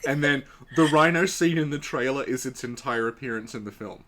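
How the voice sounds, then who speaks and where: A man's voice: medium pitch, a little fast, a bit bright. A man hosting a live game stream, chatting casually in a dry, matter-of-fact way. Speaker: streamer, host.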